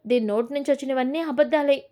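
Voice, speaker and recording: A woman puts on a sharp-tongued mother-in-law from a family drama, high-voiced and quick to anger. She scolds and shouts at the younger women of the house in a storyteller's retelling. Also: close to an everyday voice. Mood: angry scolding.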